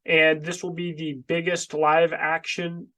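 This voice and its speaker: The host of an online video channel, who also runs a small business, records a casual vlog in his basement workroom with the microphone right in front of his face. Congested and short of breath, he speaks in a halting, emphatic way, his voice on the high side, level in tone, pushed and bright, on a rough recording.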